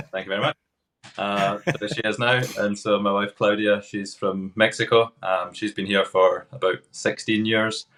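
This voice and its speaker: A Scottish man from Glasgow in his thirties, a guest chatting casually in an interview, relaxed with hesitant pauses. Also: fairly low pitch. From Scotland, Glasgow. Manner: relaxed, unhurried, frequent hesitant fillers. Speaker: podcast guest, tour guide.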